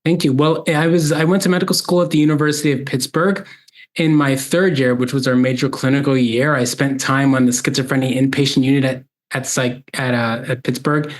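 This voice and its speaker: A man who is a guest psychiatrist, explaining his path in a measured, explanatory way. His voice is mid-pitched and plain, as he talks in an interview. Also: steady tone. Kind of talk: interview answers.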